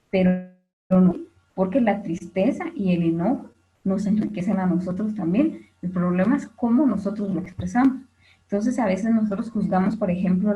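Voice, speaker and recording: A woman's voice: medium pitch, dark tone, lo-fi sound. A woman teaching an online class, explaining at length with many "este" fillers and questions to her students.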